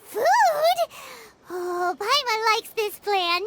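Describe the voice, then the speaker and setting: A woman voicing Paimon, a tiny floating fairy companion who is bubbly and excitable and talks about herself in the third person, in video game dialogue. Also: extremely high pitch, drawn-out words, heavy background noise, exaggerated voice. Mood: excited. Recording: game audio with loud music.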